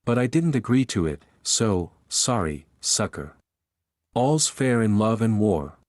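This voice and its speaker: A man's voice: fairly low pitch, very animated, unhurried, a little mellow, dry recording, clean studio sound. A man reading a playful teasing young woman.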